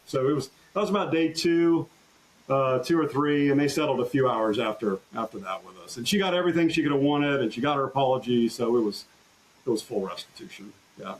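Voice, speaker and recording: Male trial lawyer guest, mid-pitched, earnest storyteller, halting restarts, podcast interview. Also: low-quality recording. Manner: earnest, halting restarts, recounts courtroom exchanges.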